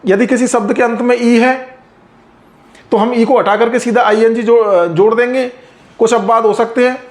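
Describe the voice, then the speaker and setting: A man teaching an English grammar lesson, patiently explaining rules and slowly repeating example words. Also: extremely high pitch, fairly even intonation.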